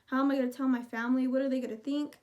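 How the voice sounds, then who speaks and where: A young woman in her twenties talks to camera in a rambling, heartfelt vlog. Her voice sits high but sounds soft and mellow, with a casual, chatty flow. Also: flat delivery, racing, lo-fi sound. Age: 20s. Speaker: vlogger.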